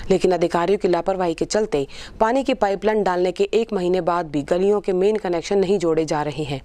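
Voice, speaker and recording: A woman reads a news voice-over in a steady, formal delivery. Her tone is dark and mellow, and the recording is dry and close. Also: fairly low pitch, no echo. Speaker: news narrator.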